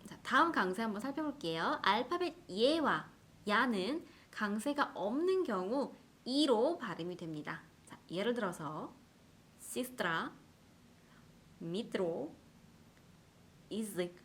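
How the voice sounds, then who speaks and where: A woman with a Russian accent teaching a language lesson, explaining patiently and slowing down to sound out example words. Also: on the high side, very animated, a bit bright. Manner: clear, patient explaining with slow drawn-out examples. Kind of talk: scripted lesson.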